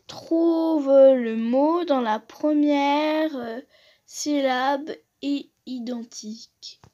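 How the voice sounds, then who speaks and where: Young female vlogger, fairly high voice, chatty and joking, drifts into mumbles. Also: a little mellow, lo-fi sound. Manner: chatty, reads aloud and jokes, trails off into mumbles. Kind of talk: casual vlog commentary.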